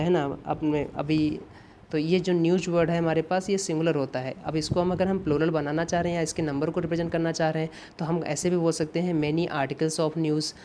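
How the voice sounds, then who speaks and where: A man's voice: on the high side, mellow, slight background noise. Patient male English grammar teacher. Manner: patient, repetitive, checks in with "ठीक है" and "है ना"; reads English example sentences slowly and deliberately. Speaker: English teacher for exam prep. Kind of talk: exam-prep grammar lesson.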